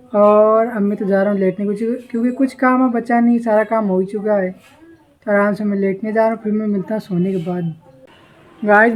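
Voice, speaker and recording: In a low-quality recording, a young man from India with a high, darkish voice casually describes his village life to viewers. He vlogs to camera from his home, garden and the roadside.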